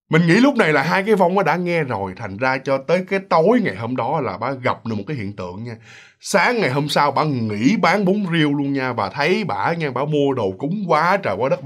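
Brief: man, casual ghost-story teller, chatty, with a fairly high, very lively voice. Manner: chatty, addresses listeners directly.

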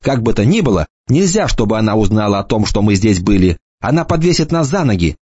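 A man's voice: on the low side, sing-song, a little fast, dark tone, husky, dry recording, highs cut off. A man voicing a sly, grumpy teenage boy who mocks and bosses the others, in an audiobook reading. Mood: scheming. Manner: mocking, bossy.

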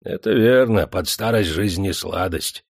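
A dignified old serf furnace worker in an audiobook, as a male narrator puts him on. He speaks cautiously in a low, measured voice and slips proverbs into his answers. The audio is dry and close. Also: gravelly, no room sound, full character voice.

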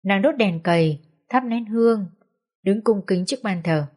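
A woman reading a social drama story aloud in a calm, measured way. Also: mid-range voice. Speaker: story reader. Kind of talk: audiobook narration.

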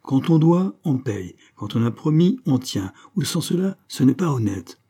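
A man's voice: mid-range voice, moderate pace, mellow, breathy edge, pitched above the performer's own voice. A man reading the part of a domineering middle-aged matron who speaks sharply and bluntly.

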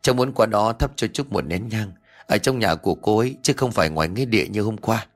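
An earnest young clerk speaks politely and pleads for help, voiced by a male storyteller. His tone is low, courteous and deferent, in this storybook reading. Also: fast, soft background music, close to an everyday voice. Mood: pleading.

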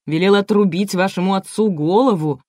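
A woman voicing a smarmy, gushing male TV host in an audiobook, with a syrupy flattering manner. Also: medium pitch, normal speed, no room sound, clean studio sound, natural voice. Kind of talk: audiobook reading.

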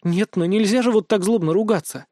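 A man's voice: high voice, brisk, warm tone, dry recording, clean studio sound, voice pushed up, lightly acted. A man doing an indignant fox woman. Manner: pleading, reproachful. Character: indignant loyal female fox servant.

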